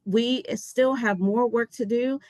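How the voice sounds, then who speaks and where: A woman's voice: on the high side, fairly even intonation, slow, a little mellow, no room sound. A woman giving heartfelt welcome remarks at a webinar as an agency official. She speaks earnestly and passionately, and often loses her place and restarts.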